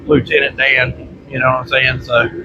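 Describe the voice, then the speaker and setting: Chatting to camera in his workshop, this vlog host sounds congested and chesty from bronchitis, with frequent throat clearing. His mid-range voice moves at a moderate pace through folksy, rambling talk. The recording has its highs cut off, and a heater hums steadily in the background.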